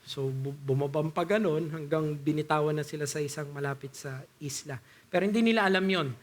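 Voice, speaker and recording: A young Filipino man with a high-pitched voice preaches in a conversational way. He slips between Tagalog and English, reads scripture aloud at a slow pace, and addresses the congregation politely. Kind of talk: sermon.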